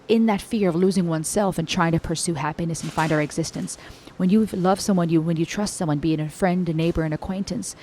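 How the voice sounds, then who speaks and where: A young music reaction YouTuber with an American English accent, from Germany and the US with a Cuban-American family, reacts to a song for her viewers. Her lowish, a little mellow voice sounds reflective and earnest, with a faint room hum beneath it.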